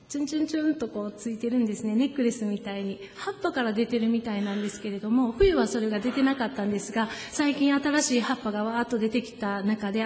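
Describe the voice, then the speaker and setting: A woman preacher, giving a sermon with gentle personal stories and slowing down for solemn points. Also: a little high. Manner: gentle storytelling, slows down for solemn emphasis. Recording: echoey hall with long reverb.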